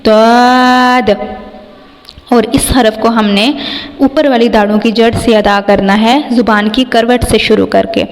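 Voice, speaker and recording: This is a slow, instructional tajweed lesson from a woman who teaches Quran reading, her accent Pakistani Urdu and her pitch fairly high. She lingers long on every letter, follows with calm, level explanations, and the sound carries a lengthy hall reverb.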